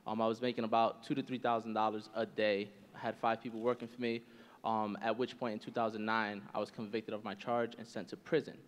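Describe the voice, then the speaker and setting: Earnest young man, lowish voice. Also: little pitch movement, fairly quick, big-room sound. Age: 20s. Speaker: panel guest. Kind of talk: telling his life story on a panel.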